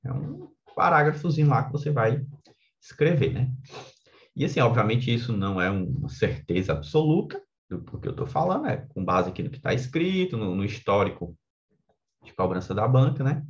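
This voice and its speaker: A Brazilian-accented man with a medium-pitched voice and big pitch swings explains things at a normal speed, the highs cut off. As an exam coach giving an informal lesson, he stays conversational and keeps tagging his points with questions seeking agreement.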